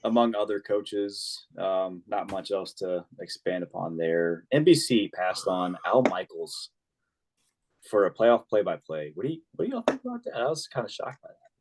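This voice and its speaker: A man with a very low voice, hosting a laid-back sports podcast. He moves the talk along in an easygoing drawl. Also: very animated, normal speed, slight background noise. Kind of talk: casual chat.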